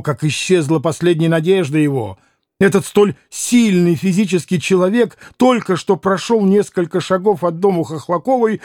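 Male audiobook narrator, high voice, dramatic, dry studio sound. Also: no echo. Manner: expressive, dramatic reading.

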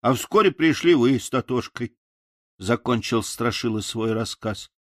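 A man narrating a fairy tale audiobook in a slow, measured storytelling manner. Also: mid-range voice, expressive, no room sound, studio quality.

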